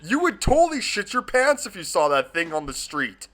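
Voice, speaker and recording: A man with a high, bright voice delivers a comedic movie review. His pitch swings widely as he gushes, and he swears freely throughout. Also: normal speed. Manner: profane, excitable and gushing.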